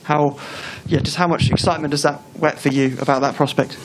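Male journalist, slightly high voice, polite rambling press-room question. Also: fairly even intonation, fairly quick, a little hiss or hum. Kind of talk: asking a press conference question.

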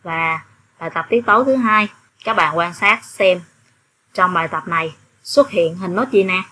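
A woman music teacher with a Southern Vietnamese accent, giving an online lesson to children with slow, clear instructions and rhythmic counting. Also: on the low side, bright, forceful tone, a little hiss or hum. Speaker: primary school music teacher.

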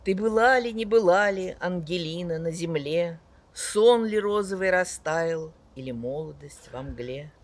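Older lady declaiming poetry out in a garden, dramatic n measured, leans hard on key words. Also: on the low side. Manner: expressive, measured declamation with emphatic swells and falling line endings. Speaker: poet reciting another poet's verse. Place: outdoors in a leafy garden beside a wooden house and on wooded paths.

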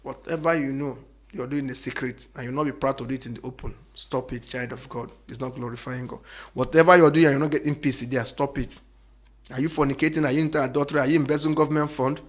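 A man preaching emphatically, repeating phrases and swinging between loud declarations and quiet asides. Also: medium pitch, steady tone, fast talker. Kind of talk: preaching monologue.

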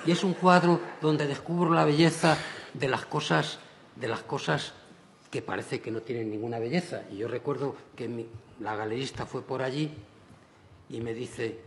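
A man's voice: mid-range voice, normal speed, slight background noise. An older man, a painter speaking on a panel in a large auditorium, who chuckles often and restarts his phrases. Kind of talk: panel discussion.

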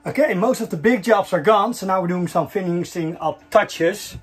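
A man's voice: sits high, normal speed, husky. A man in his forties talking casually to camera from the cabin of his sailing yacht, chatty and upbeat, calling his viewers guys. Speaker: sailing vlogger. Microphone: phone or action camera at arm's length.

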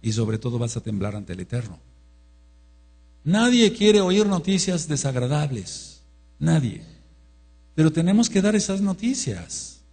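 Male preacher, sermon, dark tone, husky, emphatic, repeats himself, hushed then loud. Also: on the high side, big pitch swings, a little slow, long pauses. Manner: emphatic, repetitive, swings between hushed and loud.

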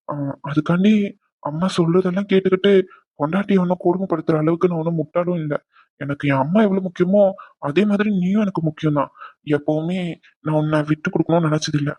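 A man voicing a hurt, remorseful young husband who talks low and earnestly to his wife. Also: a little mellow, husky, dry recording. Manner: subdued, earnest.

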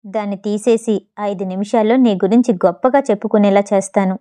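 A woman voicing a calm, wealthy middle-aged man with a low-key, dryly amused manner, in an audiobook story. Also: brisk, lightly acted. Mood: assured.

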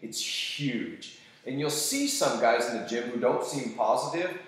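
A man's voice: medium pitch, a little slow. A man teaching students, giving a casual, enthusiastic motivational talk about fitness and acting out voices as he goes. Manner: enthusiastic, animated, acts out voices when quoting. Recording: very echoey room.

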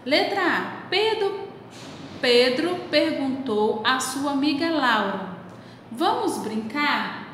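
A woman's voice: high-pitched, fairly bright tone, slight background noise. A woman teaching a recorded lesson to young pupils, explaining step by step in a patient and affectionate way. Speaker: primary school teacher. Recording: very echoey room with long reverb.

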